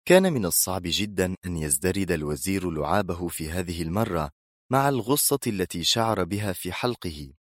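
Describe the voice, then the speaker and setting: A male narrator reads a thriller with dramatic expression. His voice is very deep and swings widely in pitch, with a dry, close recording. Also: expressive, brisk, no room sound. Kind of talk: scripted audiobook narration.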